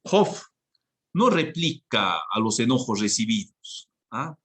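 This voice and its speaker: A male priest with a Peruvian Spanish accent explains scripture in a relaxed, conversational way. His voice is husky, set at an ordinary pitch, and he keeps checking in with his listeners as he goes. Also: takes it slowly. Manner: conversational, tags phrases with "¿no?" and "¿ah?". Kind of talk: bible lesson.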